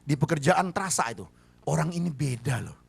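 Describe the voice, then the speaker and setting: A man's voice: fairly high pitch, lively intonation, fairly quick, vocal fry, husky. A man preaching a sermon, emphatic and firing rhetorical questions at the congregation. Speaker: pastor. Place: church service.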